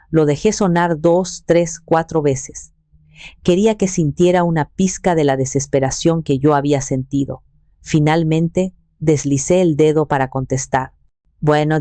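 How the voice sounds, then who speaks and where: A woman narrating a first-person dramatic story in a measured, cold manner. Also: deep voice, mellow, dry recording.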